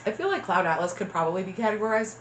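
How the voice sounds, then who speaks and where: A woman's voice: medium pitch, expressive, very fast. A young woman hosting a mukbang, chatty and giggly, talking with her mouth full. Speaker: mukbang host. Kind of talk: casual chat. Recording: echoey room with faint noise.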